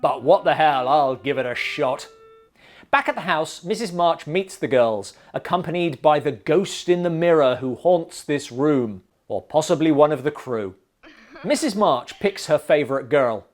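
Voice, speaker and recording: A man's voice: fairly high pitch, animated, a little slow. A man hosting a comedic bad-movie review, narrating with dry sarcasm. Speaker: film reviewer host.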